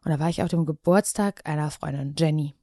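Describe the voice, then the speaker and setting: A woman's voice: sits low, fast talker, mellow, dry recording, studio quality. A woman from Mecklenburg with a light Mecklenburg accent, chatting casually on a podcast, laughing easily and restarting her sentences. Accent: Mecklenburg German. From Mecklenburg, Germany. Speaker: podcast co-host. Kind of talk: casual chat.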